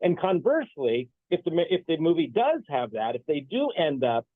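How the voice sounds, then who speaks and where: A man takes part as a radio guest over a thin, tinny phone line. He explains things in a relaxed way, filling his sentences with "you know." His pitch sits a little high, and the sound is dry. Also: moderate pace, no room sound. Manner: relaxed, explaining with many fillers. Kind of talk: casual radio interview chat.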